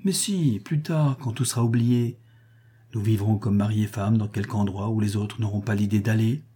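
A man's voice: fairly low pitch, moderate pace, mellow, slightly rough. A man voicing an impulsive, lovesick wealthy husband in an audiobook, urgent and passionate. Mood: eager. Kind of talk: audiobook character reading.

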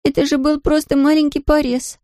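A narrator voicing a distraught young daughter who pleads in a high, shaky, tearful voice. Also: little pitch movement, a little fast, darkish tone, dry recording, studio quality, close to an everyday voice. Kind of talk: audiobook character voice.

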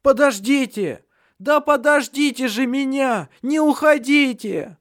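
A man doing a shrill, desperate dying soldier. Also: slow, a bit bright, dry recording, studio quality, full character voice. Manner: desperate screaming pleas. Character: panicked plague-stricken male soldier.

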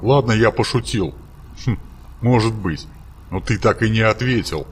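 A man's voice: on the low side, normal speed, slight background noise, lightly acted. A man doing a grumpy, capricious God. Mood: testy. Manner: gruff, snapping, condescending. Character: grumpy, capricious, self-satisfied male God.

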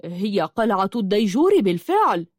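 A woman's voice: medium pitch, very animated, moderate pace, dry recording, studio quality. A woman voicing a wistful young man in a storybook who speaks dreamily. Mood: dreamy.

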